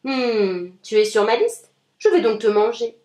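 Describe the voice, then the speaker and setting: A hungry young wolf with a soft heart grumbles through a storybook, as a woman reads him out. The voice rings in an echoey room. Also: on the high side, expressive, unhurried. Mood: grumbling.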